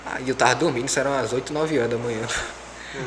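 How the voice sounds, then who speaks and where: A young man telling a story in casual chat, animated and acting out quoted dialogue. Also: mid-range voice, very fast. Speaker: podcast guest. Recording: echoey room with faint background noise.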